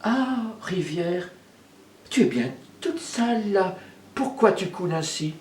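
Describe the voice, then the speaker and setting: A man's voice: high voice, lively intonation, slow pace, darkish tone, a little hiss or hum, pitched above the performer's own voice. A man doing a plaintive young girl. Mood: surprised. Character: young village girl, upset. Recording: roomy echo, mic far off.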